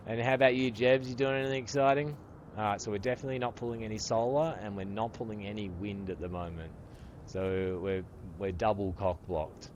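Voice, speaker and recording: A man's voice: on the low side, fairly even intonation, a little fast, darkish tone, lo-fi sound, slight background noise. A man around fifty, chatting casually with viewers while he plays a game, swearing freely and calling them brother. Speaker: streamer. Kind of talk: casual live-stream chat while gaming. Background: faint music.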